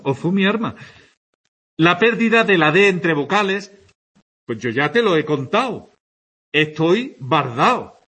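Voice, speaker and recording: Husky Andalusian teacher lecturing a class. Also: male voice, a little high, a bit bright. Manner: conversational, checks in with the class. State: tired. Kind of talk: classroom lecture on Spanish dialects.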